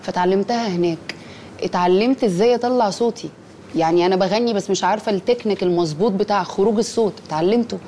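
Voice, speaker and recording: A woman's voice: mid-range voice, racing, warm tone, slight background noise. A woman with an Egyptian accent, a singer chatting as a guest in an interview. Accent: Egyptian Arabic. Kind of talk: casual interview chat.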